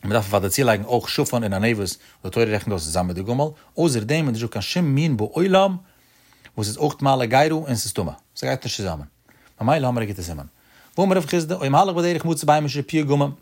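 A man's voice: mid-range voice, animated, fast, darkish tone. A man teaching a religious law lesson, posing rhetorical questions in a rising, sing-song study cadence.

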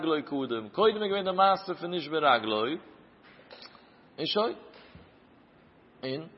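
A man's voice: a little high, slightly rough. A man teaching a traditional Talmud lecture, chanting the source text and explaining it through questions. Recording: dull lo-fi recording with long hall reverb.

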